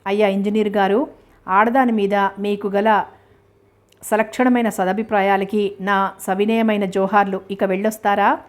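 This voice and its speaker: Woman reading a sarcastic, defiant young woman, flat even tone, storybook reading. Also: medium pitch, normal speed, lightly acted. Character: sharp-tongued, independent young woman, Neeraja.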